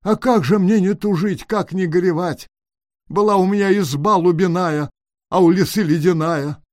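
Weepy little storybook hare, voiced by a man: high, plaintive, pleading. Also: normal speed, darkish tone, no echo, clean studio sound, natural voice.

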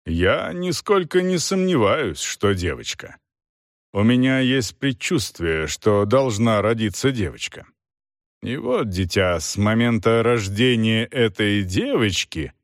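A man's voice: on the low side, lively intonation, takes it slowly, no room sound, clean studio sound. A man doing a stern, bossy old aunt. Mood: brusque. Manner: curt, commanding and dismissive. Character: stern, imperious older aunt, brusque and domineering.

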